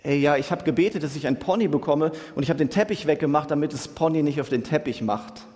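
A cheeky, trusting little girl, as a preacher puts her on, with a fairly high, light tone. The voice rings out with the long echo of a big hall. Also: quick pace, darkish tone, close to an everyday voice. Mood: matter-of-fact.

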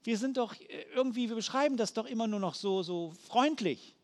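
Male pastor preaching, high voice, gets really fired up, long echo in the church. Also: lively intonation, a little fast. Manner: impassioned, swells to loud calls. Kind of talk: sermon.

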